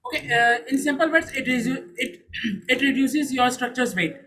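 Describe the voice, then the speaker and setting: A young Saudi man pitches his startup and fields questions, his extremely high voice bright and forceful at a moderate pace. He comes across earnest and formal, politely saying "sir" as a founder should. The recording is poor, with a slight hiss or hum.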